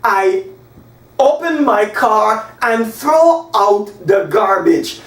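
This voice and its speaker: His voice sits high as this forty-something man from Guyana works through an English lesson at the whiteboard. He moves and gestures animatedly, slowly and emphatically spelling out example sentences for the class. The camera is across the small room, so the audio is distant and echoey.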